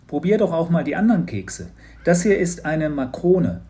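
A man voicing a quick-witted young boy who talks quickly and earnestly in a children's audiobook. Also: on the high side, big pitch swings, warm tone, pitched above the performer's own voice. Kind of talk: audiobook reading.

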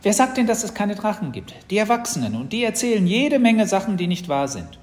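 Cheeky little sister, bossy and excited, high and loud, put on by a male narrator; storybook voice. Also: a little fast.

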